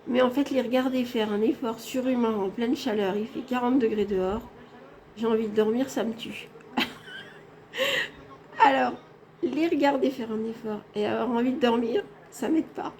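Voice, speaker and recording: A woman's voice: on the high side, fairly even intonation, a little fast, dark tone, a little hiss or hum. Chatty woman vlogging from a hospital room. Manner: chatty, addresses viewers directly. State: tired after anesthesia. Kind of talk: casual hospital vlog. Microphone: phone held in hand.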